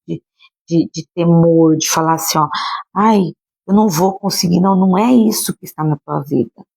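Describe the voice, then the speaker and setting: A woman's voice: lowish voice, gravelly, dark tone, slightly rough, no echo, poor audio. A woman pastor with a Brazilian Portuguese accent, preaching earnestly and emphatically in a livestream, speaking directly to her listeners. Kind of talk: livestreamed sermon. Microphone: phone or webcam livestream.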